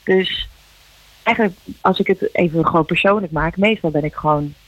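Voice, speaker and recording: A woman, a musician guest, talking earnestly and reflectively in halting phrases, heard over a phone line in a radio interview. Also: on the low side, dry recording. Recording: dull dry phone line.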